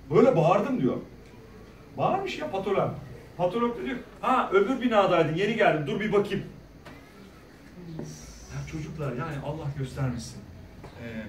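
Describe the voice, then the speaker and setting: A middle-aged man speaking as a guest at a school career day, telling stories in a lively way and acting out the people he quotes. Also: medium pitch, noisy background. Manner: animated, acts out quoted voices, jokes with the audience. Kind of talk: lively storytelling talk to students. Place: large echoey school hall. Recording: echoey hall, speaker far from mic.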